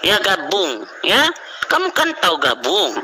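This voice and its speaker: A man's voice: sits high, huge pitch swings, unhurried, pushed and bright, a little hiss or hum, low-quality recording. A man arguing in a heated online religious debate, mocking and insulting his opponent.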